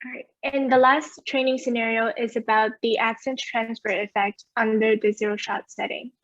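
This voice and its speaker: Woman presenting research, slightly high voice. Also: little pitch movement, moderate pace, a bit bright, no room sound, lo-fi sound. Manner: clear, explanatory, asks for next slide. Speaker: conference presenter. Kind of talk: academic conference talk.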